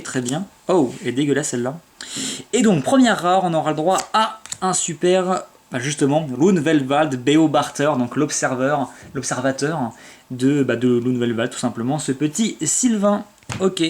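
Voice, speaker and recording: An eager man chats his way through opening card packs, piling up fillers and restarts. He slows right down to sound out foreign card names. A faint hiss sits under the recording. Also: fairly high pitch. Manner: chatty, enthusiastic, many fillers and restarts; reads out foreign card names slowly and haltingly. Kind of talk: casual card-opening commentary.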